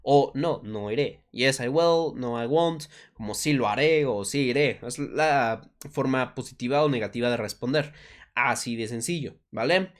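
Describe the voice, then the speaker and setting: A man teaching an English grammar lesson in Spanish, patiently explaining and often checking in with his students. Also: medium pitch. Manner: slows down to repeat English example sentences.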